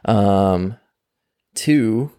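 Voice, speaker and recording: A man's voice: lowish voice, very slow, mellow, clean tone. A young man, a mental performance coach, talking easily in an interview, laughing often and filling with likes and ums. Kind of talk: conversational interview.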